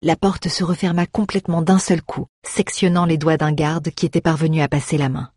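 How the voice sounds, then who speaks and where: A woman reading a fantasy story aloud in a steady, measured way. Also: low-pitched, husky, no echo, studio quality. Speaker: audiobook reader. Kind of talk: scripted fantasy narration.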